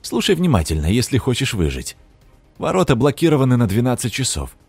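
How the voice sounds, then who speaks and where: A man's voice: mid-range voice, huge pitch swings, a little fast, slightly rough, dry recording, faint music behind, heavily acted. A man voicing a cold, commanding young witch woman in an audiobook, with a mocking, imperious manner. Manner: imperious, mocking, sharp-tongued. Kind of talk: audiobook character voice.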